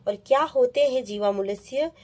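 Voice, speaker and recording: A woman's voice: fairly high pitch, moderate pace, a little mellow. A woman teaching a lesson, patiently repeating terms and asking and answering her own questions. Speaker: Sanskrit teacher. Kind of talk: online classroom lesson.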